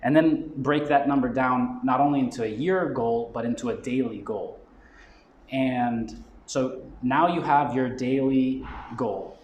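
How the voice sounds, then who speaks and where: At a live event, a man speaking as a marketing expert explains business goal setting conversationally, often checking in with "right?". His mid-range voice is a little mellow and measured in pace. The lo-fi recording has slight hiss or hum and a roomy venue with faint background ambience.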